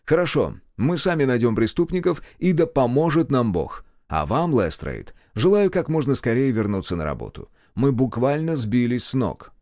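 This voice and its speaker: A man's voice: mid-range voice, very animated, moderate pace, few pauses, a little mellow, dry recording, studio quality. A man voicing a weary, hard-pressed police inspector, in an audiobook. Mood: earnest.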